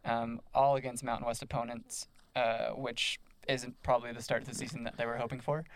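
A young man hosting a casual sports podcast, easygoing and filling pauses with ums and uhs. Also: medium pitch, level tone, dry recording, poor audio. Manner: easygoing, hesitant with fillers. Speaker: podcast host.

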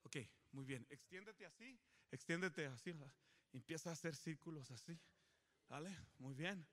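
A man, a pastor leading a lively sermon in church with call-and-response and joking asides to the congregation. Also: on the high side, moderate pace. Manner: animated, joking, coaxing the crowd. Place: church service before a congregation.

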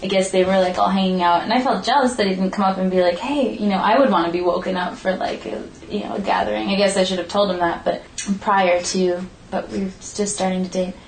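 A woman's voice: mid-range voice, fairly even intonation, quick pace. A young woman telling a story in casual chat, rambling, swearing freely and saying "like" a lot. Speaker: friend in conversation. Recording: roomy with faint background noise.

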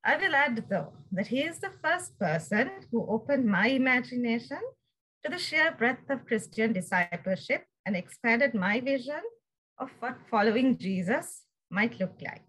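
A woman with a slightly husky, breathy voice, pitched a little high, introduces her guest from a prepared text. She speaks in a formal, measured podcast manner. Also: animated, fairly bright tone, low-quality recording. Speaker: interviewer.

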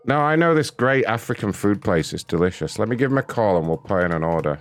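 A man's voice: on the low side, animated, fast. A man hosting prank calls with casual, profane, mischievous, exclamatory banter. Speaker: host of a prank call show.

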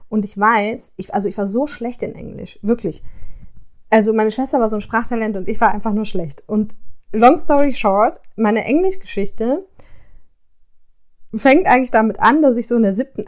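Podcast lady chatting away about her life, lively and expressive, voice sits a bit high. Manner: chatty, expressive, addresses listeners warmly as "ihr Lieben". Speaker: podcast host. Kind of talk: casual personal storytelling.

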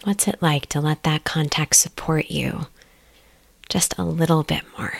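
Lower-voiced woman hosting a podcast. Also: steady tone, gravelly, no echo. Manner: gentle, slow guiding questions. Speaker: podcast host. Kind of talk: guided meditation and interview.

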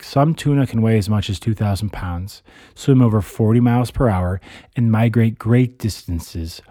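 A man's voice: medium pitch, dark tone, no echo, studio quality. A man hosting and narrating a scripted explainer in a nature-documentary manner, with conversational, wry asides. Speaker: host, narrator.

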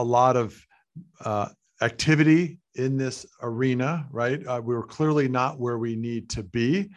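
Searching male podcast host. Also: medium pitch. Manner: searching, repeats words while framing questions. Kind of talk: podcast interview.

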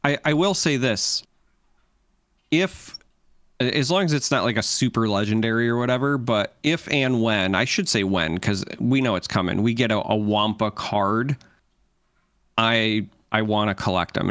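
A man's voice: lowish voice, normal speed, a bit bright, dry recording. Male podcast co-host, dry close sound. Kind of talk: casual chat.

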